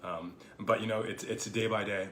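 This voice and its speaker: A man still recovering from a cold hosts his own show in a lowish, slightly hoarse, somewhat bright voice with fairly even intonation. His casual, reflective monologue is thoughtful and rambling, often pausing on "you know," personal rather than polished. He records in an echoey room with a faint background hiss.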